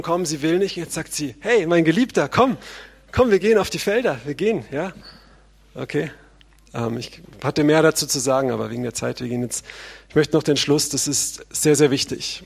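Gravelly, husky man preaching. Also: a little high. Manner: conversational, frequent tag questions. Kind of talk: sermon.

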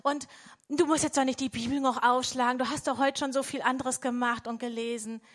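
A woman's voice: high-pitched, steady tone, a little fast, natural voice. Woman putting on the whiny, lazy flesh. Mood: whiny coaxing. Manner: whiny, coaxing. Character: lazy whining inner flesh, coaxing to skip prayer.

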